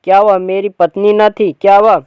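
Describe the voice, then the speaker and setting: A man's voice: high voice, level tone, moderate pace, smooth, no room sound, dull audio, close to an everyday voice. Bitter young widower, defiant, close dry mic, a man reading the part. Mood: exasperated. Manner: outbursts of shouting between tired lines. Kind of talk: reading a play aloud.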